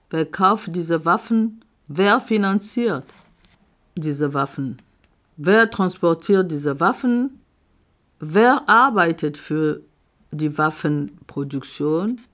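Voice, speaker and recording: A woman reads her own reflective poetry with a fairly low, expressive, slightly bright voice. Her spoken-word style is deliberate, with long pauses after short phrases, and she recorded it herself.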